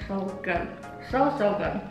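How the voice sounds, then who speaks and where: A woman's voice: mid-range voice, expressive, measured pace. A woman mukbang host chatting casually while she eats crunchy fried chicken. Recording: roomy echo, clear background music.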